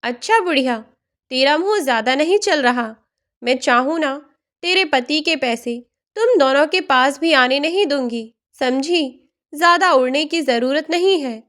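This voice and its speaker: A woman's voice: high-pitched, animated, a little slow, fairly bright tone. A woman voicing a harsh scolding daughter-in-law. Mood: scornful. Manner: rude, scolding.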